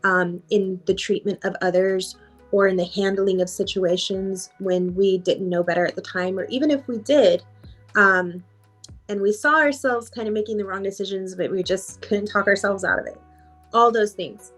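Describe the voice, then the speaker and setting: A woman's voice: mid-range voice, steady tone, moderate pace, a bit bright, soft background music. A woman life coach answering in a podcast interview, reflective and repeating phrases for emphasis.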